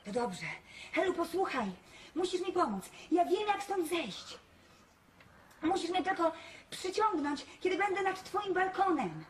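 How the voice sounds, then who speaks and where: An actor playing a father stuck on a balcony, giving his daughter urgent, hushed orders. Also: very high voice, expressive, measured pace, recorded from a distance, slight background noise. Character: bossy scheming father, middle-aged man. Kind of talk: sitcom acting.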